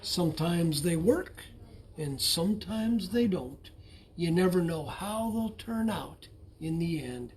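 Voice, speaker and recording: Man reading as a slow, knowing storybook wizard. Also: a little high, animated, slight background noise. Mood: cryptic. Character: mysterious winking male wizard, calm and cryptic.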